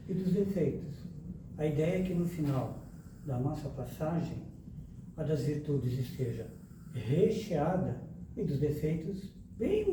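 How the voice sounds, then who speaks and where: A man's voice: a little high, recorded from a distance. A man giving a spiritual lecture, quizzing his audience and joking with them. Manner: lively, questions the audience and jokes. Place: lecture hall. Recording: echoey room, speaker away from the mic, noise behind.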